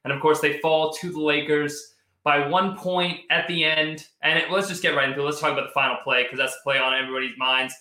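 A man's voice: fairly high pitch, fairly even intonation, fast, bright, forceful tone, reverberant. A man hosting live post-game sports commentary, conversational, repeating words as he thinks aloud. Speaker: sports show host.

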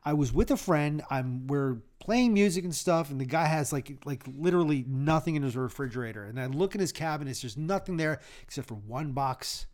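A man chatting casually as a guest on a podcast. His voice sits a little high, and he rambles in a laid-back way, often repeating words before he finds what he wants to say. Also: lively intonation, a little fast, few pauses, darkish tone. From United States. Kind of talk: casual chat.

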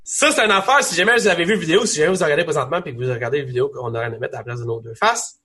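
A young man with a Quebec French accent, co-hosting a casual gaming chat, rambling and animated with many restarts. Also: fairly high pitch, very fast, husky. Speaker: podcast co-host.

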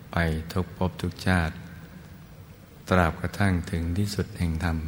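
A man leading a guided meditation, drawing out his words softly with long pauses. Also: deep voice, a little hiss or hum. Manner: slow, soothing, drawn-out words with long pauses. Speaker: meditation teacher.

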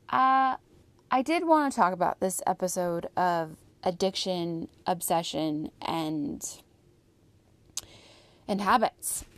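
A woman's voice: mid-range voice, no echo. Chatty American woman in a dry recording. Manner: chatty, informal, candid, breaking into asides. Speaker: host of a personal audio diary podcast. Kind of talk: casual personal monologue.

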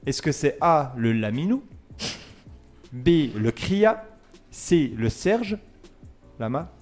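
A man's voice: mid-range voice, big pitch swings, takes it slowly, soft background music. A man hosting a casual radio quiz, reading multiple-choice questions, counting down and joking with his co-hosts. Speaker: quiz host.

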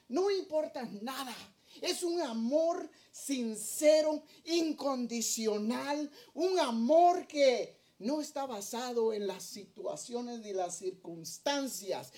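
A man's voice: extremely high pitch, a little mellow. A middle-aged male pastor preaching a sermon, earnest and storytelling as he addresses his congregation.

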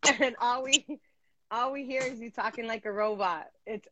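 A woman's voice: fairly high pitch, normal speed, dull audio, heavy background noise. A woman co-hosting a casual chat show over a video call, talking earnestly and rambling, with many fillers and restarts. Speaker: podcast co-host.

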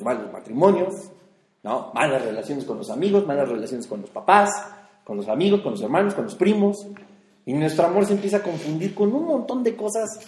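Guy preaching, chatty sermon w/ lots of "eh", kinda high voice, roomy echo. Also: a little mellow. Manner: conversational, with fillers and emphatic rises. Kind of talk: sermon teaching. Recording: echoey room.

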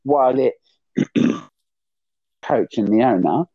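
Animated yet slow-paced, a podcast co-host with a warm, husky, medium-pitched voice rambles through an exasperated rant in casual chat, with occasional swearing. The dull lo-fi recording is dry, with no echo.

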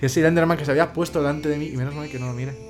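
A young man co-hosting a casual home podcast, telling game stories in an animated way with many restarts. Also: on the high side, racing, soft background music. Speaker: podcast co-host. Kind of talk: casual chat about video games. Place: home room, small setup.

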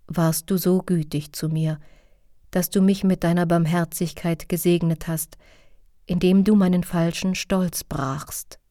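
A woman's voice: lowish voice, dark tone, no echo, studio quality. A woman voicing a humble, repentant male king of the heavens, reading his devout prayer in an audiobook.

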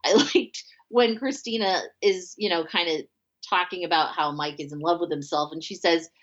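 A woman's voice: lowish voice, normal speed, fairly bright tone, muffled recording. A woman chatting casually about a film she loves, full of "like" and "you know". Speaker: podcast co-host.

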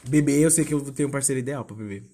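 A man with a Brazilian Portuguese accent taking part in a casual chat among couples, loud and theatrical. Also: mid-range voice, rapid-fire.

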